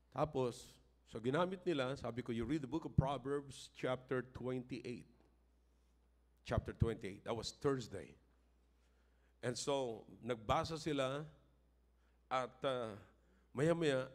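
An older man with a Filipino accent, a pastor giving a sermon that moves between emphatic, raised-voice appeals and relaxed personal storytelling. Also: medium pitch.

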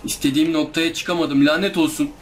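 A young man talks his way through a tough game, groaning, complaining and pleading with the enemies. His voice sits a little high for a man. A faint hiss of noise runs under the recording. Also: steady tone, fairly quick. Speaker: gameplay streamer. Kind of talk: live gameplay commentary.

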